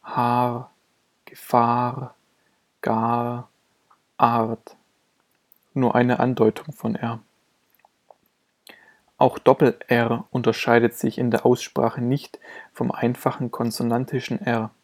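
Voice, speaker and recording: Slow, flat-toned male pronunciation reader. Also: medium pitch. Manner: slow, even, carefully articulated reading. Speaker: pronunciation teacher. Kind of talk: scripted pronunciation lesson.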